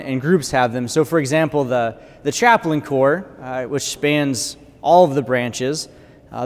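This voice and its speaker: A clergyman reading the gospel and preaching a conversational homily in a church with a cathedral-like echo. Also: fairly high pitch. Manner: conversational preaching with fillers, bursts of loudness. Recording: long church reverb.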